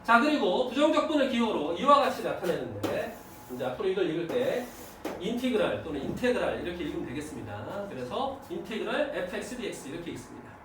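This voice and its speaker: A man's voice: high-pitched, fast, very echoey, distant mic, background noise. A man teaching math to a class, often stopping to ask whether the students follow. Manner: lively, checks understanding with students. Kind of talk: classroom lecture.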